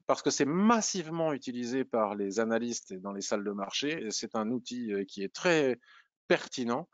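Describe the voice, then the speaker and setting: A man's voice: mid-range voice, dry recording, muffled recording. A man walking through stock charts in a screen-share tutorial, thinking aloud with frequent hesitations and restarts. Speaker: trading analysis presenter.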